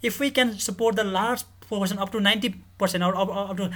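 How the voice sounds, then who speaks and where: A man from Nepal, a guest in a podcast interview who explains his work in an earnest, measured way. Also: high-pitched, steady tone, a bit bright. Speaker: guest, mental health director.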